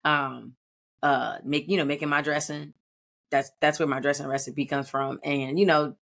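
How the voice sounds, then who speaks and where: A woman's voice: low voice, fairly even intonation, normal speed, gravelly, fairly bright tone. A woman in her thirties co-hosting a podcast, talking in a reflective, rambling way with many restarts. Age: 30s. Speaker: podcast co-host. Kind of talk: casual podcast chat.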